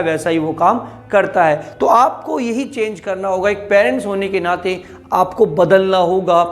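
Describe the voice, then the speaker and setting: A young man with a high-pitched voice gives a spoken lesson to parents. He repeats each English phrase several times and keeps asking the listener to repeat it. Soft music plays faintly behind him. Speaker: English teacher.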